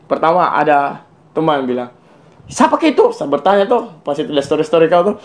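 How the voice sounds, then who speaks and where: Speaking a little fast with big swings in pitch, a man with a slightly high voice and a Kendari, Southeast Sulawesi Indonesian accent runs a joking, casual interview for YouTube. He teases in a chatty manner and repeats phrases for emphasis.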